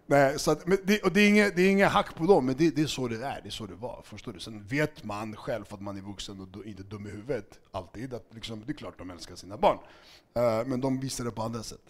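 Guy on a podcast, gets loud and laughy then goes all quiet, super animated. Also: medium pitch. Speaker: podcast guest. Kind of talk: casual chat.

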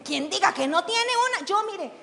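A woman's voice: very high-pitched, animated, normal speed, pushed and bright, long reverb tail, slight background noise. A woman preaching a sermon as the church's lay leader, blunt and teasing, firing questions at the congregation. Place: church hall.

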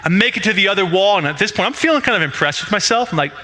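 Man, pastor, church sermon, storytelling, high pitch. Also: racing, rough recording. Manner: animated storyteller who acts out dialogue. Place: church sanctuary.

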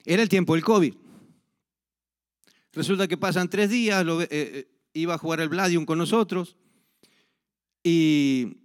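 A middle-aged preacher, speaking in a slightly higher register than most men. He weaves a personal anecdote into his sermon, acting out the conversations and often restarting his sentences. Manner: storytelling, acts out dialogue, frequent restarts.

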